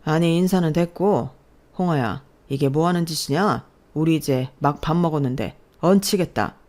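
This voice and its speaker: A woman voicing a stern, angry middle-aged father who scolds loudly. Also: sits low, normal speed, natural voice. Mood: furious. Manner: shouting, scolding.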